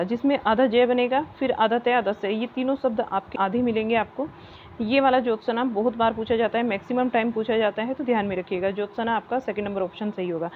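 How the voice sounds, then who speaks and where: Female tutor, higher voice, tinny lo-fi sound with faint hiss, walks through exam answers and repeats key points. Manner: repeats key points, checks understanding with asides. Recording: tinny phone-like audio, faint noise.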